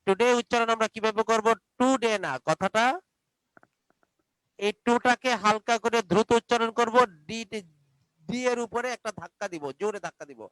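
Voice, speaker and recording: A man's voice: high-pitched, normal speed, fairly bright tone, smooth, dry recording, poor audio. A man with a Bangladeshi accent teaching an online English class, patiently drilling pronunciation and repeating words.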